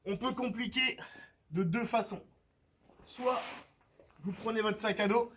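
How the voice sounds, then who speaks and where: High-voiced man coaching a home workout. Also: measured pace, fairly bright tone, slight background noise, rough recording. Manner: demonstrating exercises while explaining, with frequent "d'accord?" checks. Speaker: fitness coach. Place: outdoor terrace at home.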